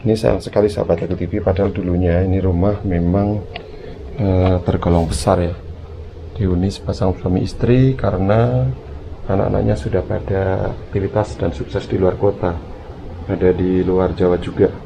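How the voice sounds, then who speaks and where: A man's low-pitched voice comes through clearly noisy outdoor sound as he addresses his viewers in a casual vlog. His delivery is hesitant and uneasy, with a gravelly creak running through it. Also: fairly even intonation, moderate pace, mellow. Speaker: vlogger, channel host. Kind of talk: casual spoken exploration vlog. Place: outdoors around an overgrown empty house. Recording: noisy outdoor handheld recording, ambient hum.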